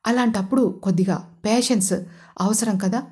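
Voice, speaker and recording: A woman's voice: medium pitch, dark tone, breathy edge, natural voice. A woman voicing a cold, scheming older brother. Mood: serious. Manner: serious, harsh, measured. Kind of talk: audio story character voice.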